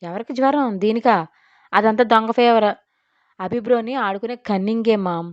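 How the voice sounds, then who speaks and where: A woman's voice: a little high, moderate pace, no room sound, lo-fi sound, close to an everyday voice. A woman voicing a cheeky young man who teases and provokes in an audio story. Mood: teasing. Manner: teasing, provoking.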